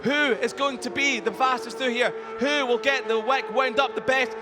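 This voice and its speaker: A man working as a motorsport commentator, calling a live motorcycle race with excited, dramatic play-by-play. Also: very high-pitched, moderate pace, over music. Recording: clear vehicle noise throughout.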